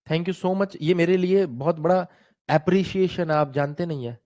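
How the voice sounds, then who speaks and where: A physics teacher in a live online class, a man with a fairly high voice. He talks in a chatty, teasing way and often breaks into little impressions of students and newsreaders. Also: normal speed, dark tone.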